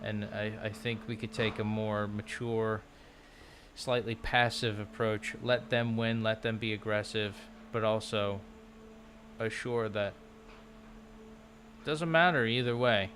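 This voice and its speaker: Guy streaming his language practice, talks slow and halting, keeps restarting, light background hiss. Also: on the low side, steady tone, fairly bright tone. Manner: halting, thinks aloud with many restarts. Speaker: language-learning vlogger. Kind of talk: casual livestream chat while doing lessons.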